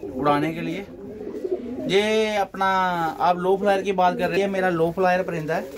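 A man's voice: high-pitched, steady tone, moderate pace, background noise. A man showing his pigeons on a rooftop, patiently explaining them with examples in casual chat.

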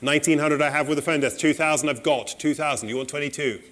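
A middle-aged man working as an auctioneer, calling bids in a saleroom in a brisk, polite, repetitive way. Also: on the high side, fairly even intonation, a bit bright.

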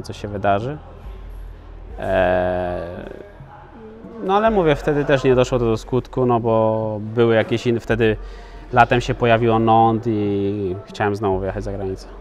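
A man's voice: lowish voice, a little mellow. A man in his thirties, a footballer, answering interview questions casually, with many filler sounds and restarts. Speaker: professional footballer, guest.

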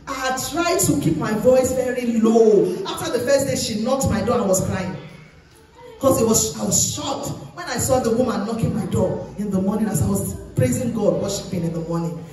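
A woman's voice: fairly high pitch, moderate pace. Middle-aged woman pastor preaching in an echoey church. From Nigeria. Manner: animated storytelling preaching with sudden rises. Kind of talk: sermon. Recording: echoey church hall, voice from far off.

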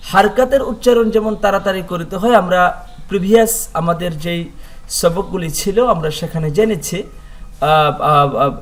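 A man teaching Quran reading in a recorded lesson, chanting rules and syllables in a steady sing-song drill with formal address to viewers, with a Bangladeshi Bengali accent. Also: high voice.

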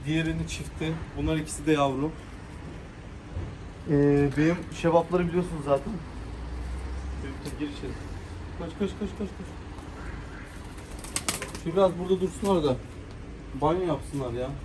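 A man's voice: a little high, moderate pace, pauses often, far from the mic. Man coaxing his dogs, off-mic and echoey. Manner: coaxing, affectionate commands to dogs. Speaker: vlogger with pet dogs. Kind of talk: casual vlog talk to dogs and viewers. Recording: echoey, off-mic, noisy background.

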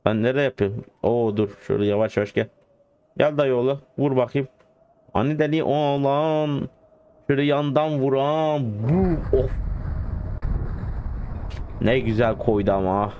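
A man's voice: medium pitch, a little slow, pauses often, darkish tone, clean tone, highs cut off. A man giving casual, joking commentary over a driving game, talking to the game and to his viewers. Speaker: gaming streamer.

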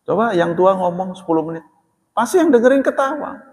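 A man teaching religion in a relaxed, chatty way, joking and laughing as he talks. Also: high voice, brisk, vocal fry, breathy edge. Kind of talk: casual religious talk. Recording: long hall reverb.

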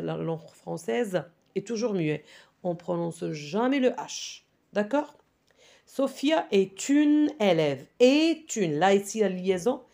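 A middle-aged woman with a mid-range, dark-toned voice patiently teaches a primary spelling lesson. She checks in often with both the class and the parents, repeatedly asking "d'accord?".

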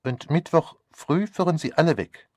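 A man reading an audiobook voices a fastidious elderly male detective who asks polite, measured questions. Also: on the high side, animated, darkish tone, dry recording, voice pushed up. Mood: probing. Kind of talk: audiobook character voice.

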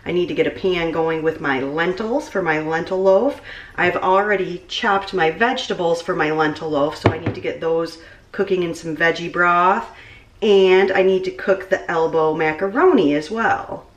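A woman's voice: lowish voice, normal speed, distant mic. A woman in her thirties chatting casually while she cooks in a small home kitchen, picked up by the camera mic as she moves around. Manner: chatty, talks while cooking and moving around. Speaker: cooking vlogger. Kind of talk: casual cooking vlog. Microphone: camera mic, distance varies as she moves. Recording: roomy kitchen echo, off-mic at times.

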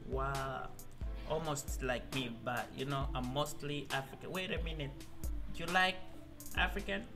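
A man's voice: mid-range voice, steady tone, moderate pace, over music. A man hosting a trolling video chat, teasing and flirting in a playful put-on persona, talking through a gaming headset in a small bedroom. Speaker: prank video chat host.

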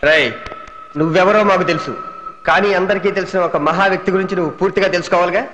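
An actor playing the hero's blunt, loyal friend in a dubbed film drama, speaking in a brisk, questioning way. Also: male voice, high-pitched, steady tone, long reverb tail, lo-fi sound, lightly acted.

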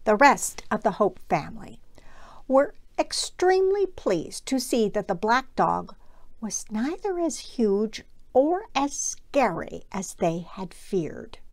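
Older woman leading a children's sermon from home; slow, animated storybook delivery with hushed suspense, dry close sound. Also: on the high side, no echo. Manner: expressive, drops to a breathy whisper for suspense. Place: home room with bookshelves.

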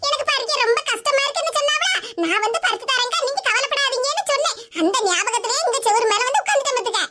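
A woman's voice: extremely high pitch, lively intonation, racing, full character voice. A woman voicing a scheming, sweet-talking village neighbor in a cartoon, with a Tirunelveli Tamil accent, muttering sly asides. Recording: loud background noise.

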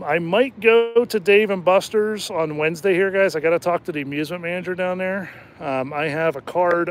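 Slightly hoarse man rambling on a livestream. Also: sits high, a bit bright, slight background noise. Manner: rambling and jokey, laughs often. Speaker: channel host and rideshare driver. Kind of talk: casual livestream chat. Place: outdoors at night, walking.

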